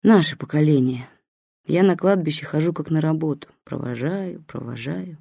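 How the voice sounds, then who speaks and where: Storybook role: mournful old man, read by a woman, quiet and fading, dry close sound. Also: low voice, normal speed, vocal fry, slightly rough, dry recording, exaggerated voice. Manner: weary, fading to a murmur. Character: old mournful male violinist.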